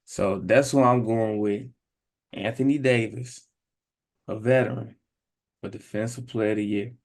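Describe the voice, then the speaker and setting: A hoarse man co-hosting a sports podcast, talking in a loose, slangy and emphatic way. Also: lowish voice, fairly even intonation, a little slow. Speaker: podcast co-host. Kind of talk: casual sports chat.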